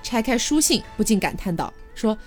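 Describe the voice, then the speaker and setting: With music in the background, a podcast host tells a classic story in a casual, lively way, acting out the characters' quotes and laughing along. She speaks at normal speed in a somewhat high voice.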